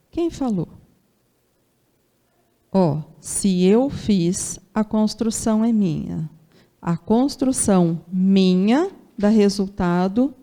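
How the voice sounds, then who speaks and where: A woman's voice: medium pitch, mellow. A woman from Brazil with an interior São Paulo accent, giving a Sunday spiritual lecture in a chatty way, full of rhetorical questions. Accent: São Paulo interior Brazilian Portuguese.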